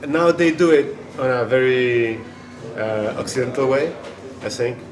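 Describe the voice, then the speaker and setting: A man's voice: medium pitch, measured pace, a crowd in the background. A man from Chile, a band member being interviewed, talking casually and rambling with many restarts and fillers. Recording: echoey room with noisy ambience.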